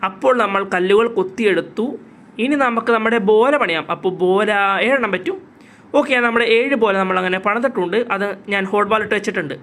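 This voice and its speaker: A man giving casual, chatty gameplay commentary as a channel host. He keeps addressing his viewers as "guys," and a cough leaves his voice a little hoarse. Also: sits high, bright, forceful tone.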